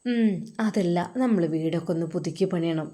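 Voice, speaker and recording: A woman's voice: on the low side, moderate pace, dark tone, lightly acted. A woman voicing a young wife from Malappuram who coaxes her husband in a wheedling, sing-song way. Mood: coaxing. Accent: Malappuram Malayalam.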